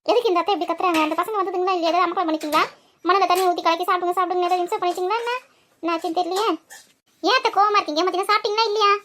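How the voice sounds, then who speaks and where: A woman's voice: extremely high pitch, fairly even intonation, very fast, fairly bright tone, a little hiss or hum. A woman voicing a flustered, defensive working daughter-in-law in a comic family skit.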